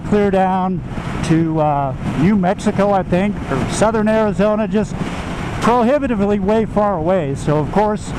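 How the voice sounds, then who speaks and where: A middle-aged American man telling a rambling, casual personal story from inside a motorcycle helmet while riding. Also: high voice. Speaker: motovlogger. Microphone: helmet microphone. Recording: helmet mic, loud engine and wind noise.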